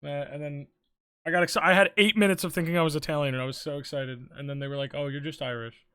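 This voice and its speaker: A streamer with a bright, forward voice at a middling pitch talks loosely to the chat during a late-night drawing session. The talk rambles and jokes, with free cursing and little hums in between. It is recorded at home in an ordinary room. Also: fairly even intonation, fast talker, clean tone. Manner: rambling, joking, swears freely, talks to chat; hums to self while working.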